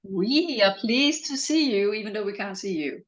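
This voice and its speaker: A woman's voice: mid-range voice, lively intonation, normal speed, dull audio. A woman co-hosting a casual chat show, playful and meandering, who tends to say w for v. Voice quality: non-native v sound, w for v. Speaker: co-host of a spiritual show.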